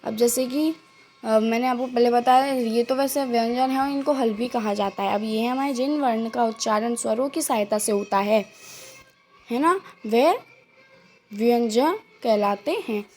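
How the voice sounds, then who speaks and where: A woman with a high voice teaches a grammar lesson at an easy pace, going over each point again and putting quick questions to the listener. She drops English words into her explanations, and faint music plays behind her. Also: a little mellow. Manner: repeats points and quizzes the listener.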